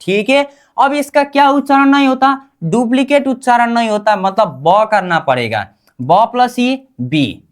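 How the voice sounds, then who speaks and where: Woman language teacher, unhurried delivery, quizzes and answers herself, drills each word again and again. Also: a little high, expressive. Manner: asks questions and answers them herself, repeats each term. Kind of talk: slow call-and-response lesson.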